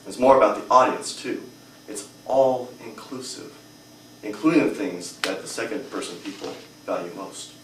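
Recorded by a far camera in an echoey hotel meeting room, a young adult man gives a humorous, emphatic prepared speech for a public speaking club. His pitch is fairly low, his pace moderate, and the background is noisy.

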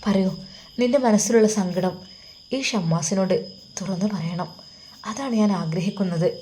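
An eager young man presses with urgent, pleading questions, voiced by a woman in her own warm tone. He speaks with a lilt, in a soft, mellow voice. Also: mid-range voice, normal speed, a little hiss or hum, close to an everyday voice.

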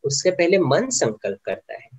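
A man's voice: fairly high pitch, sing-song, normal speed, a little mellow, slightly rough. A man giving a spiritual meditation lecture, often putting questions to his listeners and mixing English words into his talk. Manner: asks the audience many questions; mixes English words into Hindi. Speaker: meditation teacher.

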